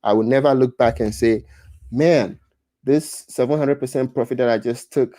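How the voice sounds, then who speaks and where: With no room sound, a man in his thirties from Ghana talks casually on his livestream in a Ghanaian accent, going through viewer comments. His voice is medium-pitched and mellow at a moderate pace, and he tends to restart and repeat words.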